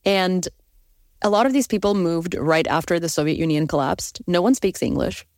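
A young woman from Ukraine hosting a casual interview conversation, animated and quick to laugh. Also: no room sound, clean studio sound. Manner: animated, laughs often, rising pitch when excited. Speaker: host.

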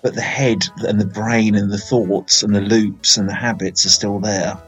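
Husky man in his forties. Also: fairly low pitch, flat delivery, moderate pace, a bit bright, faint music behind, low-quality recording. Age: 40s. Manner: rambling, chatty, many fillers. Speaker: film podcast host. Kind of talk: casual film chat, live-streamed.

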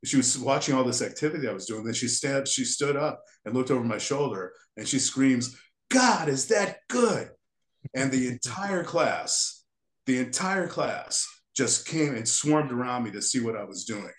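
Older interview guest from the United States, mid-pitched voice, meandering storyteller, roomy reverberant recording. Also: male voice, lively intonation, normal speed. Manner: rambling, restarts sentences often. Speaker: guest, character designer. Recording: echoey room.

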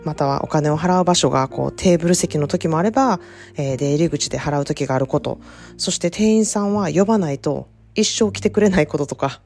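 Woman, low voice, Osaka accent, casual podcast chat, lots of fillers, faint music behind. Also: fairly quick. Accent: Osaka Kansai dialect. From Japan. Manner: relaxed storytelling with frequent fillers and small laughs. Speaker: podcast host, self-care consultant. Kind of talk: casual chatty monologue.

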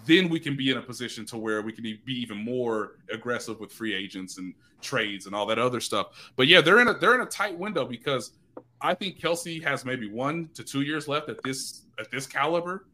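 A man talking as a sports reporter guest in a casual podcast chat, animated and excitable, jumping up in pitch for emphasis. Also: fairly quick.

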